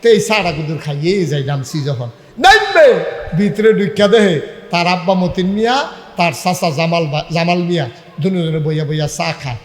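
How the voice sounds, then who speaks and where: Male preacher, high voice, loud and emphatic with call-and-response to the audience; echoey room with long reverb. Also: fairly quick. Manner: calls and answers with the audience. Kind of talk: sermon.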